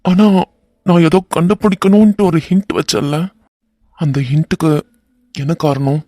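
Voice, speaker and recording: A man voicing a young husband in an animated romance, earnest and bantering in a Kanyakumari Tamil accent. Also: fairly high pitch, normal speed, lightly acted. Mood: earnest musing.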